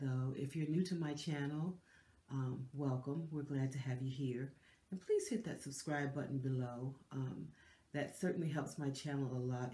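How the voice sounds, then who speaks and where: A middle-aged woman with an extremely low, reverberant voice hosts a lifestyle channel, chatting casually to camera from a decorated living room. A cold leaves her stuffy and nasal, and her warm, chatty talk is full of fillers and restarts.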